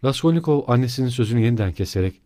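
Expressive male audiobook narrator. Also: medium pitch, very fast, dry recording, studio quality. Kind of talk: scripted narration.

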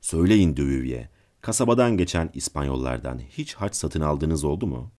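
A man's voice: very deep voice, animated, moderate pace, a little mellow. A man voicing a cold, controlling nobleman count in a storybook reading, giving stern commands.

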